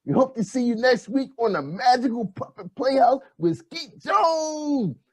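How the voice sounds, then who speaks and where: A man voicing an excitable boyish puppet who hosts a kids' show like an overbright party host, with a husky voice and hyped, exclamatory delivery. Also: very high-pitched, a little slow. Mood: chatty, upbeat. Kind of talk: children's puppet show presenting.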